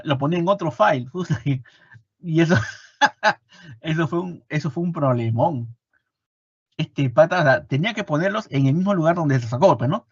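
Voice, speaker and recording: A man with a Peruvian Spanish accent teaching an online class, animated and repeating his points with rhetorical questions. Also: a little high, breathy edge, no room sound, dull audio. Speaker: instructor. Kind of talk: online lecture.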